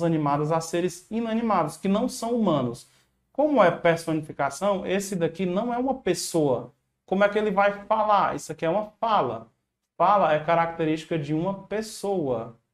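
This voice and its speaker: A Brazilian man with a somewhat high voice teaches an exam-prep lesson in an online video. He's casual and encouraging, slipping in slang as he works through each answer, with a Brazilian Portuguese accent.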